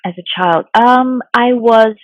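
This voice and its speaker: A Singaporean woman in her forties, a mindfulness coach, answers interview questions softly and thoughtfully, with many fillers, in a fairly high voice at a slow pace. The recording is dry with no room sound and a dull, lo-fi quality.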